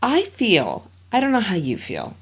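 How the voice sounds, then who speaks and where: A woman's voice: mid-range voice, huge pitch swings, a little slow, husky, lo-fi sound. A woman co-hosting a podcast in casual chat, with an emphatic, mock-indignant comic way of complaining. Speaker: podcast co-host.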